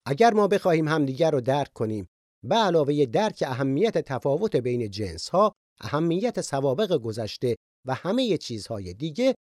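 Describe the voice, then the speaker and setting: Male Bible teacher, earnest sermon style, lively pitch, dry close studio sound. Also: dry recording. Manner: earnest and reflective, shares personal stories.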